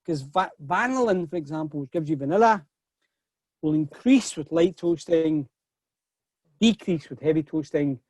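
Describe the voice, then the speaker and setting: A man's voice: fairly high pitch, expressive, normal speed, a little mellow, no echo. A middle-aged man hosting a whisky tasting over a video call, chatty and often repeating words as he starts a sentence. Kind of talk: casual online tasting talk.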